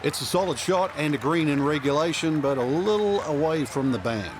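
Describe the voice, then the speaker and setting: A man's voice: fairly high pitch, lively intonation, fairly quick, crowd noise. Male golf analyst over outdoor background noise. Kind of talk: live golf commentary and analysis. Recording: noisy outdoor broadcast.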